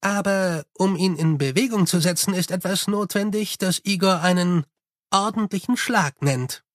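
A man's voice: high-pitched, moderate pace, no echo, pitched above the performer's own voice, close to an everyday voice. A man voicing a nervous young male clockmaker in an audiobook, hesitant and earnest with a dry close sound.

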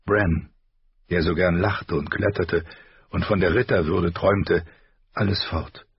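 A male narrator reads the story in a measured, even manner. His voice is deep and very husky. The sound is dry and close, and slightly dull. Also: no room sound. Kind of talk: audiobook narration.

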